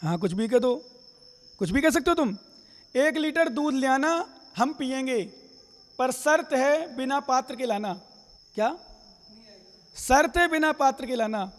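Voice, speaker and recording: A man with a very high voice preaches as a monk. He questions his listeners directly and plays out little quarrels as examples, and his words ring out in a long hall reverb. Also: unhurried, long pauses. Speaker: Jain monk giving a discourse. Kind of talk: sermon.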